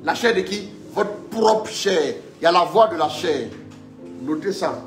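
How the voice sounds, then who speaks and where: A man's voice: sits high, animated, unhurried, reverberant, soft background music. A man preaching a live-streamed teaching sermon, emphatic and repetitive, urging listeners on and having scripture read aloud. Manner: emphatic, repeats phrases, urges listeners on.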